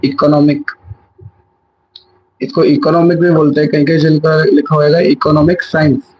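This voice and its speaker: A man's voice: on the high side, little pitch movement, moderate pace, lo-fi sound, a little hiss or hum. A young man giving a live revision lesson, chatty and self-correcting, mixing English words into his Hindi. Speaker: exam prep teacher.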